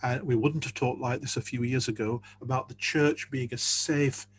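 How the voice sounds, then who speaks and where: A man's voice: medium pitch, steady tone, moderate pace, a little hiss or hum. A man speaking earnestly as a church leader in a panel discussion over a video call, often repeating words as he thinks.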